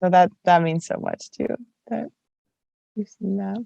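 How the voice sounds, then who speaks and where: A woman hosting a casual chat podcast, with a slightly gravelly morning voice and a chatty way of talking full of "like" fillers. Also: fairly low pitch, fairly even intonation, measured pace, dark tone, dry recording, lo-fi sound. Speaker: podcast host.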